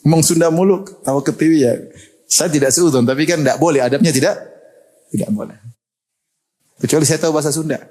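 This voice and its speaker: A middle-aged man from Indonesia preaching a sermon, animated and joking and often laughing. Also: fairly high pitch, fast, long pauses.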